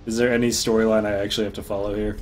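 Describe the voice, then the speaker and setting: Low-voiced laid-back male streamer. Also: little pitch movement, very fast, darkish tone, soft background music. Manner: rambling, laughs often, swears casually. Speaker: gaming streamer. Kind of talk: casual let's-play commentary.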